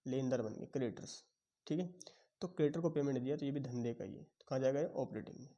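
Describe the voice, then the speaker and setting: A man's voice: medium pitch, fast, mellow, lo-fi sound, a little hiss or hum. A young man teaching a commerce lecture, quizzing students and acting out their answers in Hinglish. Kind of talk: classroom lecture.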